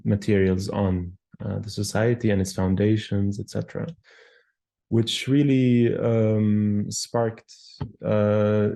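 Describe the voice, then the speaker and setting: A Palestinian architectural historian in his thirties answers interview questions thoughtfully and in a measured way, pausing often and using fillers. His voice is lowish and warm.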